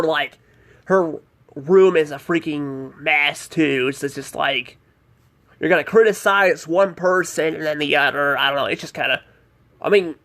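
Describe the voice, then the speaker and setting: A man's voice: on the high side, sharp tone. A man giving a casual spoken review of a cartoon episode, rambling and hesitant, filling gaps with "like" and "I don't know".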